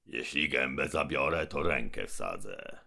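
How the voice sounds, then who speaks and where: A man voicing a huge, pompous, educated robber monster in an audiobook, slow and menacing. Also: extremely low pitch, lively intonation, gravelly, sharp tone, husky, full character voice. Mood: threatening. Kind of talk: audiobook character voice.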